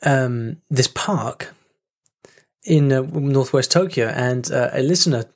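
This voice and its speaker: A man speaks slowly in a medium-pitched voice while hosting a solo podcast. He's chatty and casual, interrupting himself with lots of fillers, restarts and little laughs.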